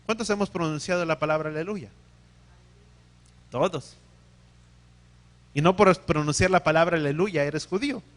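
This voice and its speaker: A man's voice: a little high, normal speed, long pauses. A man preaching a sermon, teaching, asking the congregation questions and often correcting himself mid-sentence.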